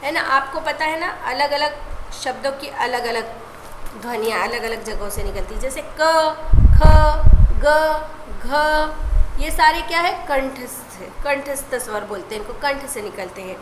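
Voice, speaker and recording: A woman's voice: a little high, moderate pace. A woman teacher giving an online class lesson, explaining patiently and often checking in with short tag questions. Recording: echoey room with steady background noise.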